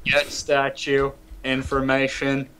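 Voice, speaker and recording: A man's voice: mid-range voice, completely flat delivery, takes it slowly, noisy background. A man playing in a tabletop game, tersely stating what his character does. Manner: terse, states his character's actions plainly. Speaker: player. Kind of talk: casual tabletop game chat.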